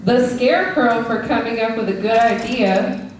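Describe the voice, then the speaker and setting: A woman's voice: fairly high pitch, moderate pace. A woman narrating a stage play for an audience, reading the story and prompting performers, heard from far off in an echoey, noisy room. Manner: prompts performers between lines.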